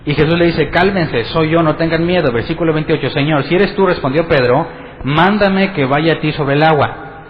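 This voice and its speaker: A man leads a Bible study sermon in a conversational way, often turning questions to his listeners. His voice sits somewhat high for a man. The recording is dull and lo-fi, with a long reverb from a church hall. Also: normal speed, a little hiss or hum. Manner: conversational, asks the congregation questions. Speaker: pastor. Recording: echoey hall, dull lo-fi sound.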